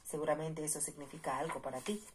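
A woman's voice: sits low, steady tone, quick pace, a little hiss or hum, natural voice. A woman reading the lines of a worldly, persuasive male army captain in a storybook reading, with a coaxing, reasonable delivery.

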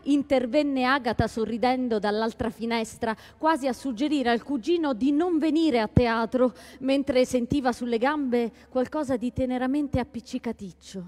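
Casting: female reader, high bright voice, long hall reverb. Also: moderate pace, few pauses. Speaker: stage reader. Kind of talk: staged literary reading.

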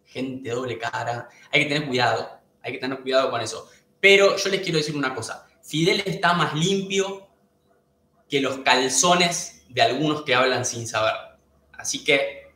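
A man's voice: mid-range voice, sharp tone, echoey room. A man with an Argentine accent chatting casually on a live stream, greeting viewers by name and repeating himself. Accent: Argentine Spanish.

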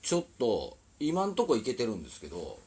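A low-voiced man with an Osaka accent, rambling through a casual live stream from a recording studio. His husky voice swings up and down, and he keeps apologizing and laughing at himself. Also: wildly swooping pitch, brisk, a little mellow. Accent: Osaka dialect.

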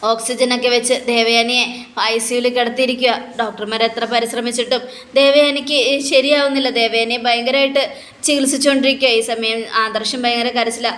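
A chatty woman narrating a serial's plot casually, with fillers and restarts. Her voice is high-pitched, and the room adds a noticeable echo. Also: flat delivery, a little fast, fairly bright tone.

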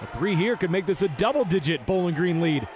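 A high-pitched man calls a basketball game in fast sports commentary. His delivery is clipped and urgent, over a busy crowd and clear arena noise. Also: expressive. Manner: clipped, urgent play-calling. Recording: noisy arena with crowd behind. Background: crowd and bouncing basketball in arena.

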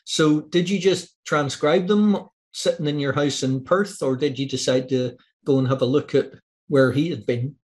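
A man's voice: fairly high pitch, normal speed, a little mellow. An Australian man hosting an author interview over a video call from a home office, friendly and asking questions in long run-on sentences. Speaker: interview host. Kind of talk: casual interview. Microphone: video call webcam.

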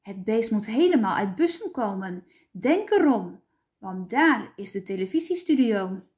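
A woman's voice: medium pitch, big pitch swings, a little slow, darkish tone. A woman doing a bustling storybook father.

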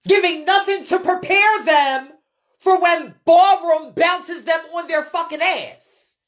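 Blunt and emphatic, a woman rants unscripted on her livestream about the ballroom scene, cursing freely, using heavy slang and repeating phrases for emphasis. She speaks slowly in a very high, slightly bright voice.

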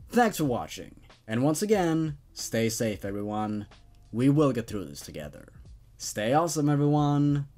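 A young man in his twenties with a fairly high pitch, who speaks English as a non-native language, hosts horror story readings on YouTube, alternating narration with casual commentary. He's in a small dark indoor room, right up close to a boom-arm studio microphone.

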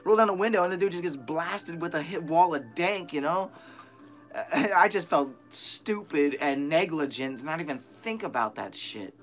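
A young man vlogging from a small bare room, animated and profane as he retells a tense story to a close camera. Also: on the high side, normal speed, soft background music.

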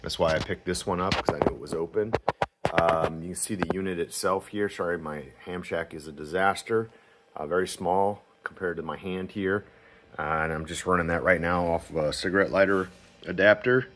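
A man giving a casual, unscripted product demonstration as a radio hobbyist, talking in a halting, informal way. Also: low voice, steady tone, a bit bright, slight background noise. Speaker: amateur radio hobbyist reviewer. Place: cluttered indoor radio room at home.

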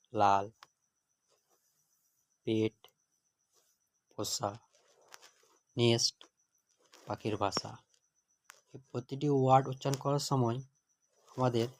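A man teaching a grammar lesson, reading out words one at a time with their meanings in a measured, dictating way. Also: mid-range voice, darkish tone. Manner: measured, word-by-word dictation with translations.

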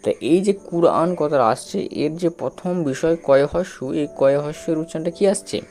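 Slow gravelly man teaching a reading lesson. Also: fairly high pitch, a little mellow, soft background music. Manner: slow, repetitive, drawn-out syllables with frequent checks.

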